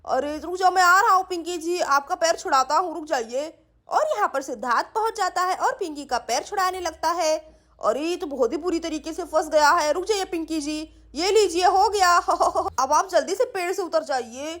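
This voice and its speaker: A woman voicing a young husband in a doll-play story, pushing her voice low, joking and chiding. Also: normal speed, a bit bright. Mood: helpful. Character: deep-voiced young husband, easygoing and teasing.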